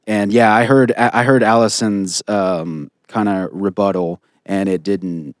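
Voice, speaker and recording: A man's voice: fairly low pitch, steady tone, measured pace, dry recording, clean studio sound. A man co-hosting a podcast in casual chat, blunt and opinionated, swearing freely and restarting his sentences often. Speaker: podcast co-host.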